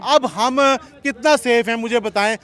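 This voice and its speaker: A man's voice: extremely high pitch, a little slow, fairly bright tone. A man with a Pakistani Urdu accent, giving an impassioned opinion full of rhetorical questions. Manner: impassioned, rhetorical questions, repeats "theek hai?". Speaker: interviewee. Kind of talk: heated street opinion.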